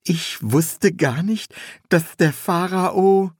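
A man's voice: high voice, very slow, breathy edge, no room sound, clean studio sound, voice pushed up, exaggerated voice. A man voicing an eager, chatty young male apprentice who asks naive, curious questions.

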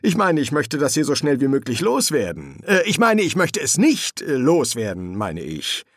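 A man voices a nervous, fawning male demon who stammers and hesitates, pitched above his own voice in a mid-range with huge pitch swings. He speaks at normal speed, and the recording is dry with clean studio sound.

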